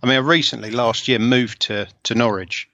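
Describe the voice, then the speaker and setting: A man's voice: mid-range voice, fairly even intonation, normal speed, sharp tone, dry recording. A man in his forties with an Essex accent, chatting casually and self-deprecatingly about himself as an interview guest. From Essex, England. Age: 40s. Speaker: interview guest, scale model hobbyist. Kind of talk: casual conversation, telling life story. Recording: slightly dull, lo-fi voice recording.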